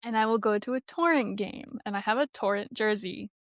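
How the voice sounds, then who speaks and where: A woman's voice: mid-range voice, fairly quick, no echo. A woman co-hosting a podcast in casual chat, talking chattily with lots of fillers. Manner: chatty, with filler-heavy phrasing. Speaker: podcast co-host.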